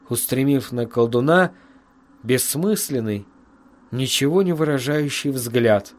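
Man narrating a dark audiobook. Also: on the high side. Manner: even, measured storytelling. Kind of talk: scripted narration. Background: faint music.

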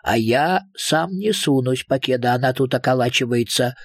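A man's voice: medium pitch, normal speed, no room sound, studio quality, lightly acted. A man voicing tiny, cheeky male fairy folk in an audiobook, chattering in a broad rustic dialect. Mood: scheming. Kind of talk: audiobook character voice.

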